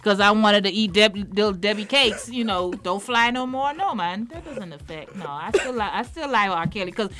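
A woman's voice: mid-range voice, animated, moderate pace, few pauses, a crowd in the background. A woman in casual chat as a restaurant owner and guest, blunt and joking, often repeating words as she starts a point. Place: barbershop.

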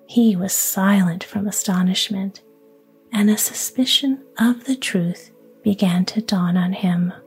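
A woman whispering a fairy tale in a slow, hushed, even storytelling manner, ASMR style. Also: medium pitch, faint music behind. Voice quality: breathy whisper.

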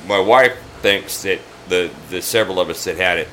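A man's voice: deep voice, normal speed, a bit bright, slight background noise, low-quality recording. A middle-aged man hosting casual chat over drinks in his saloon, telling profane, laid-back stories. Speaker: bar owner and host.

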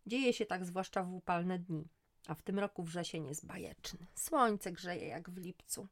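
A middle-aged woman reading a first-person story aloud, lifting her voice for the dialogue. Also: measured pace. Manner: voices dialogue with lively rises in pitch. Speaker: audiobook narrator. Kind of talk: first-person audiobook narration.

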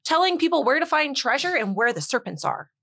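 A woman's voice: sits high, very animated, a little fast, gravelly, fairly bright tone. A woman on a casual podcast, a guest horror expert who explains movie lore hesitantly, with many ums.

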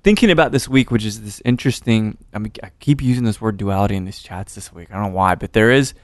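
A man in his thirties hosting a casual interview chat, animated and swearing freely. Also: lowish voice, quick pace, no room sound, clean studio sound. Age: 30s. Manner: animated, swearing, laughs easily. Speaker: podcast host.

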